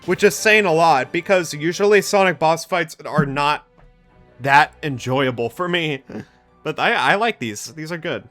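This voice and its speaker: A man's voice: fairly high pitch, a little slow, a bit bright. A young man streaming and reacting to a game, with sarcastic, mocking commentary. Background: game music.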